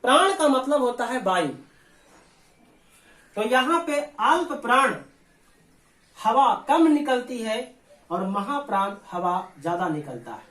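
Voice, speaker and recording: Slow roomy-voiced male teacher. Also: very high voice, big pitch swings, a bit bright. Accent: Bihari Hindi. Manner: slow, explains step by step, asks and answers own questions. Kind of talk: board exam lesson. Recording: roomy echo.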